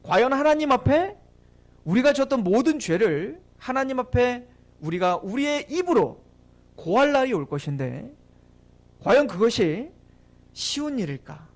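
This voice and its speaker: Male pastor, sermon, storytelling, high voice, animated. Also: normal speed. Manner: animated, addresses the congregation with questions.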